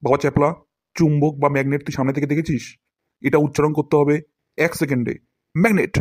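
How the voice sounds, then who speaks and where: A man playing a self-important cartoon teacher who scolds his pupils and hams up every word he demonstrates. His voice sits a little high for a man, recorded close and dry with no room sound. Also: level tone, fast talker, a little mellow, dry recording, natural voice. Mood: scolding. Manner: pompous, scolding, theatrical demonstrations of words. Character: boastful, scolding male English teacher. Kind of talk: cartoon voice acting.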